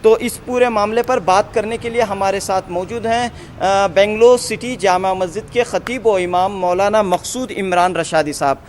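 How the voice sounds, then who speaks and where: A man's voice: high voice, few pauses, a little hiss or hum. A man, a news field reporter, speaking formally with some hesitation fillers, outdoors by a street.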